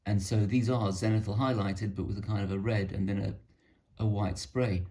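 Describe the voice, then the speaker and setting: Man, low gravelly voice, casual hobby show-and-tell, rambling and self-deprecating. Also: fairly even intonation, moderate pace, dark tone. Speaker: miniature painting hobbyist.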